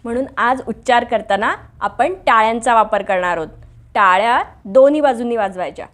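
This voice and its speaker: A woman hosting a children's alphabet lesson, talking in a lively way and drilling letters with clapping. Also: fairly high pitch, moderate pace. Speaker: teacher and host of a home-learning show.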